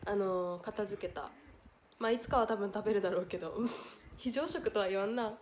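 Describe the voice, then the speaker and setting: A woman's voice: medium pitch, a little fast, darkish tone, a little hiss or hum. A young woman with a Hiroshima accent chatting on a livestream, reading out viewer comments and thanking them with frequent giggles. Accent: Hiroshima Japanese. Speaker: idol livestreamer. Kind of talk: casual livestream chat.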